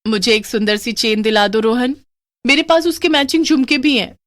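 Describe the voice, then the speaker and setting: A woman voicing a greedy, excitable young wife whose voice goes shrill. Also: normal speed, no room sound, clean studio sound, natural voice. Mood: flustered.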